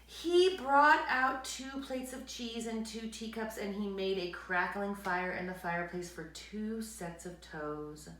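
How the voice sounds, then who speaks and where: A woman narrating a children's story aloud in an animated, dramatic way, speaking directly to her listeners. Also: medium pitch, a little slow, hardly any pauses. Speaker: read-aloud storyteller, teacher. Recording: roomy echo, distant microphone.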